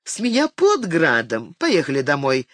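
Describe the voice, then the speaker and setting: Give me a reader voicing a lively self-assured woman trading jokes in an audiobook. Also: medium pitch, moderate pace, dry recording. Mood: brisk. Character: spirited confident woman, lively and teasing.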